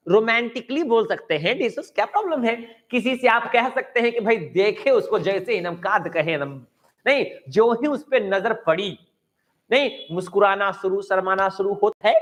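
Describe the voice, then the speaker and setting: A man's voice: high-pitched, fairly bright tone. A man from India teaching English grammar in a coaching class, mixing Hindi and English, encouraging students and repeating key words for them to say back.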